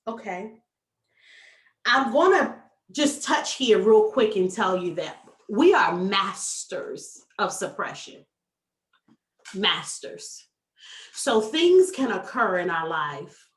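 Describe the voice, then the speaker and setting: Animated woman coach in an echoey room. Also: medium pitch, far from the mic. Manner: animated, talks to the audience as "y'all", folksy. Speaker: success coach. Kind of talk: motivational talk.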